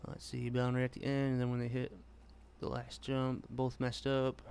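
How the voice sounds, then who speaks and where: A man's voice: mid-range voice, monotone, normal speed, vocal fry. A man streaming a racing game live, chatting casually and answering viewers as he drives. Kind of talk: casual live gameplay commentary. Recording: loud car game sounds over voice. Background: racing game engine noise.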